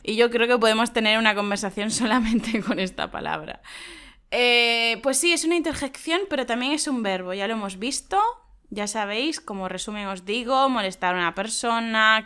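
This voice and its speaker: Bright, crisp woman. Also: mid-range voice. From Spain. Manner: lively, emphatic, laughs often. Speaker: Spanish teacher and co-host. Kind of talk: explaining slang to learners.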